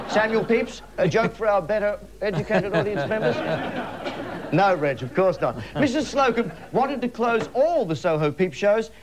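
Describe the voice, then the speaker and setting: High-pitched and lively in intonation, an Australian comedy host speaks at a measured pace with a crowd in the background. Live in a TV studio, he spins a mock bedtime story full of campy, cheeky asides, and the recording is noisy.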